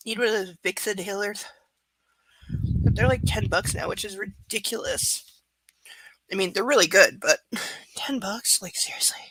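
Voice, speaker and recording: A book reader and streamer reads a novel aloud live on camera from home, breaking off for chatty, sarcastic asides between passages. Her mid-range voice is a bit bright and husky, a little slow with long pauses, and the audio is poor but has no echo.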